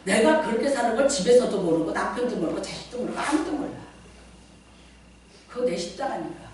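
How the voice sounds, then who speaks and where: A middle-aged woman pastor preaching a lively sermon, often asking the congregation questions. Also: fairly high pitch, brisk, slight background noise. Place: church sanctuary. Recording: very echoey church hall, mic at a distance.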